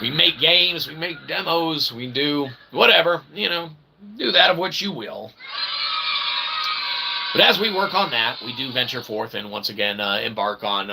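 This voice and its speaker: An independent developer who hosts his own channel rambles casually to viewers in a gravelly, medium-pitched voice, with background noise present. His phrasing is wordy and mock-formal, peppered with "okay," and he's self-deprecating.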